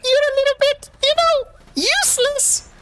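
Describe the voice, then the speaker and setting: A man voicing a haughty, dismissive female villain boss in a condescending falsetto in a tabletop game. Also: steady tone, normal speed, pushed and bright, soft background music.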